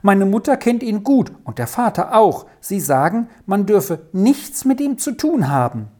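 A woman voicing a gentle, easily frightened young girl in a children's story, pleading anxiously. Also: medium pitch, big pitch swings, a little slow, voice pushed up.

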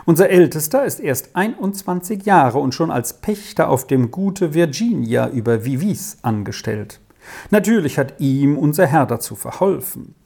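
A reader voicing a calm farmer's wife. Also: mid-range voice. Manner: calm and unhurried.

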